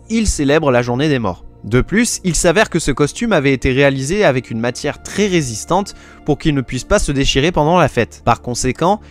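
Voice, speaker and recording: A man hosting his channel, retelling a comic-book origin story in a casual way and tossing in slangy asides to his viewers. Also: a little high. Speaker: YouTube host.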